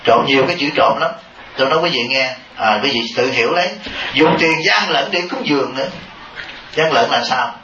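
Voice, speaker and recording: A man giving a Buddhist Dharma talk to a congregation, lively and teasing, often asking the listeners questions. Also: mid-range voice, a little fast. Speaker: Buddhist monk. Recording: dull, echoey hall audio from a distance with noise.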